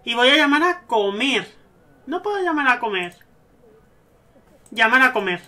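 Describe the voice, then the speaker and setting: A man with a Spain Spanish accent giving gushing, excitable let's-play commentary over a life-sim game. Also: extremely high pitch, unhurried. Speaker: gaming streamer.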